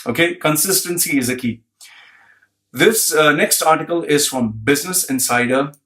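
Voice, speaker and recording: A man's voice: fairly high pitch, normal speed, a bit bright. A man giving a blunt, profane commentary, repeating phrases for emphasis and reading out an article.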